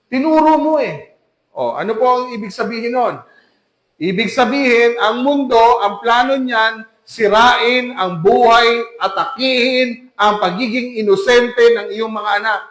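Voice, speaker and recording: A man's voice: extremely high pitch, measured pace, fairly bright tone, reverberant. A man preaching an emphatic sermon as pastor, full of rhetorical questions to the congregation. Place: church hall.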